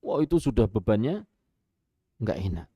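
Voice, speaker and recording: On the radio, an Islamic preacher with a Javanese accent delivers an animated sermon full of stories, rhetorical questions and chuckles. His voice is fairly low and slightly rough, at normal speed, in a dry recording.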